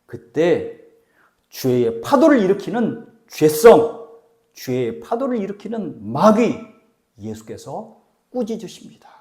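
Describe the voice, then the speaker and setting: A man preaching a sermon, pitched high and full of movement in his voice. He keeps asking the congregation questions. He moves between forceful exhortation and near-whispered lines. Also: big pitch swings, slow. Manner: dramatic swings from loud exhortation to near-whispers. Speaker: pastor.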